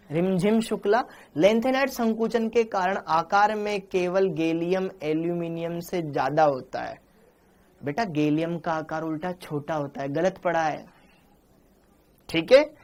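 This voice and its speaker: A man's voice: a little high, a little mellow. A man teaching a live online chemistry class, coaxing and teasing his students as he reads their chat messages.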